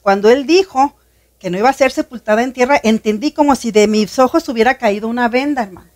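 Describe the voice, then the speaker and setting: Woman, fairly high voice, telling a heartfelt church testimony to a brother in faith. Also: fast talker, a little mellow. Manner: earnest, heartfelt storytelling, often addressing the listener as brother. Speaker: guest sharing her testimony. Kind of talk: personal faith testimony in conversation.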